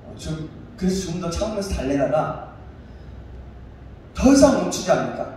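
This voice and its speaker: A male pastor in his thirties preaching a sermon and telling a personal story with animated delivery. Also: high-pitched, moderate pace. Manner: animated storytelling, acts out his own shouting. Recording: echoey room, distant mic, faint noise.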